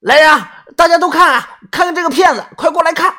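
A man voicing an angry young man who shouts and curses. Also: extremely high pitch, fast, pitched above the performer's own voice. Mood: furious. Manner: shouting and cursing. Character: angry young man, cheated boyfriend, hot-tempered.

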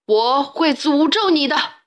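A woman voicing an angry ghostly Egyptian pharaoh who speaks slowly and sternly. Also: a little high, lively intonation, a bit bright, exaggerated voice. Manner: slow, stern and demanding.

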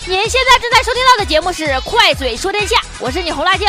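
A woman's voice: very high voice, very animated, quick pace, over loud music. A woman hosting a radio show, telling news stories in a jokey, teasing way with casual asides.

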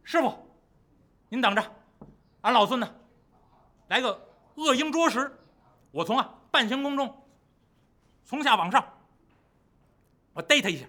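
Give me a man playing a brash, impatient monkey king with a sharp, lively, high voice. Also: a little slow, pauses often, exaggerated voice. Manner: impatient, bossy urging. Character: hot-tempered monkey king, brash male hero.

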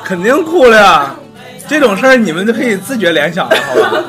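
A man's voice: high voice, big pitch swings, a little fast, a bit bright. Guy laughing thru a school story, bouncy voice, music in the back. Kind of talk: casual chat. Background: background music.

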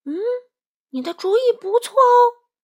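A short, stout, greedy thief with a fussy, squeaky voice, as a woman storyteller puts him on. He speaks slowly, with big swoops in pitch. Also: animated. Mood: scheming.

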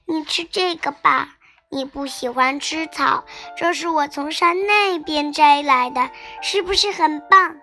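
A woman voicing an eager little baby dinosaur boy who talks high and pleading, as in a children's storybook. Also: unhurried, pushed and bright, faint music behind, exaggerated voice.

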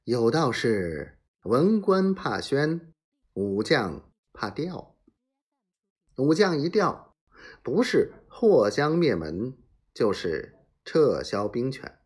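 A man reading a serialized historical novel aloud in a dramatic, measured storytelling manner. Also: mid-range voice, very animated, a little mellow.

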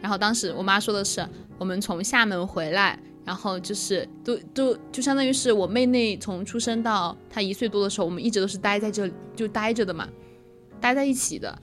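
A young woman co-hosting a casual chat stream, telling stories in a giggly, animated way with many restarts. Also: medium pitch, fairly quick. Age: young adult. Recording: music playing in the background.

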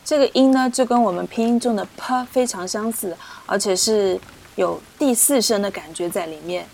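A woman teaching pronunciation, explaining patiently and repeating syllables slowly for learners. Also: medium pitch, gravelly, a little mellow, slight background noise. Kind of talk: slow, clear teaching explanation with drilled syllables. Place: indoors, rain heard outside.

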